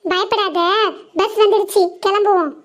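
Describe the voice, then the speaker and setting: A woman's voice: extremely high pitch, moderate pace. A woman voicing a cheeky schoolgirl friend who teases playfully. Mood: teasing. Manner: playful teasing.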